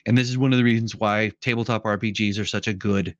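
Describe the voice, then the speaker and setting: Man, talky podcast guest, animated storyteller, muffled dry audio. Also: lowish voice, fast talker, dry recording. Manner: animated storyteller who acts out quotes. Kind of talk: casual conversation.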